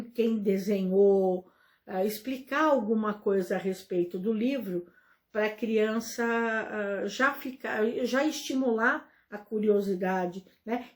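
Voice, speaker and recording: A middle-aged Brazilian woman teaching an online class, her voice sitting at an ordinary middle pitch. She explains step by step in an easy conversational lecture style. She often pauses on fillers and restarts her phrases as she goes. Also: darkish tone. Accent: Brazilian Portuguese.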